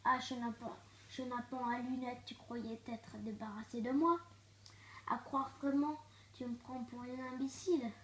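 A woman's voice: fairly even intonation, unhurried, fairly bright tone. A woman voicing a boastful, vengeful old witch in a storybook read-aloud, theatrical and gloating. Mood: scolding. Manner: theatrical, gloating, shifts to low menacing mutters. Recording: echoey room.

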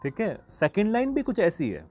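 A man's voice: high voice, huge pitch swings, moderate pace, warm tone. A man teaching a flute lesson in a casual, chatty way, singing the note names aloud as he goes. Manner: chatty and encouraging, sings the notes aloud. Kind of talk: casual online music lesson.

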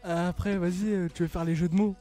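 A young man co-hosting a live gaming stream, teasing and excitably shouting at the match. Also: high voice, fast talker, soft background music. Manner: excitable, teasing trash talk, shouts at the game. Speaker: streamer co-host.

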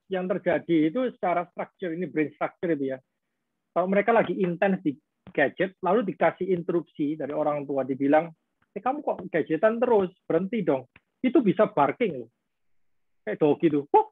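A man's voice: a little high, slightly rough, no echo. A man answering parenting questions in a webinar, explaining conversationally and acting out quoted exchanges. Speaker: guest speaker on parenting. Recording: tinny phone-like video call audio.

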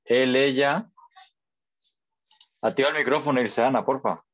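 A man's voice: mid-range voice, a little slow, no echo. Patient guy running an online spanish class, keeps checking in, kinda muffled call audio. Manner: patient, encouraging, repeats and checks understanding. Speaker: Spanish teacher. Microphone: video call.

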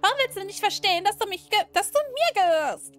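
A desperate, possessive young princess from a game , played by a woman pushing her voice high. She swings up and down in pitch as she pleads, tearful and shrill. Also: lively intonation, a little fast, fairly bright tone. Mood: desperate, pleading.

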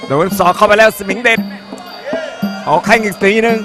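A man's voice: high-pitched, normal speed. A man calling a Muay Thai fight live in short, punchy phrases that he often repeats. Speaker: ringside Muay Thai commentator. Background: music.

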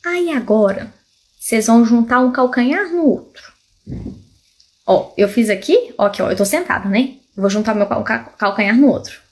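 A woman, a pelvic physiotherapist, explaining to viewers in a lively, demonstrative way, asking rhetorical questions, drawing everyday comparisons and using many diminutives while seated indoors. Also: fairly high pitch, moderate pace. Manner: fond of diminutives. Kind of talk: explanatory health talk to viewers.

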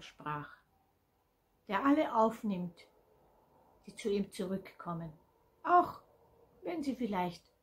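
A woman narrating a Bible story for children as a religious education storyteller, expressive and emphatic. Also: medium pitch.

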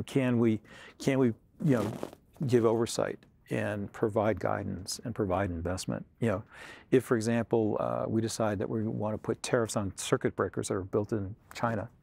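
A man's voice: fairly low pitch, vocal fry, darkish tone, slight background noise. A man in his sixties in a studio interview, earnest and rambling, with lots of "you know", on a lapel mic. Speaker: tech executive interviewer. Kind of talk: conversational interview. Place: studio set with armchairs.

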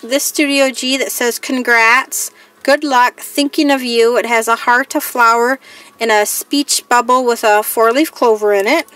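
A crafting vlogger, a woman with a slightly higher voice, goes through her haul in a casual show-and-tell, plainly reading out each piece like a list. She's chatty and unhurried, with fairly even intonation and a pushed, bright delivery.

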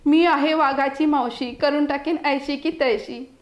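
A woman's voice: high voice, steady tone, a little slow, echoey room. A woman voicing a cocky, teasing female house cat in a storybook reading. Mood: taunting.

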